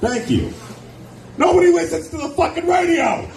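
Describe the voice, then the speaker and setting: On an indoor nightclub stage, a stand-up comic in his forties works a handheld mic with an extremely high voice that swings widely in pitch, carries vocal fry and sounds a little mellow, at a moderate pace. He's sardonic, tossing off wry asides and chatting with the crowd. Captured from a distance, the echoey club sound includes background noise.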